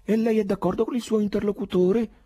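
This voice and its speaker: A man's voice: high-pitched, fairly even intonation, mellow, no room sound, voice pushed up. A man doing a sly, courteous foreigner. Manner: slow, deliberate, overly polite. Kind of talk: audiobook reading.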